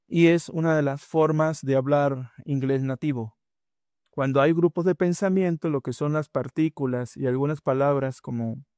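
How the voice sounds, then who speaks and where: Male teacher, slightly high voice, very slow and deliberate, repeats drawn-out vowel sounds; dry close recording. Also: dark tone, dry recording. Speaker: English pronunciation teacher. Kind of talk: spoken lesson.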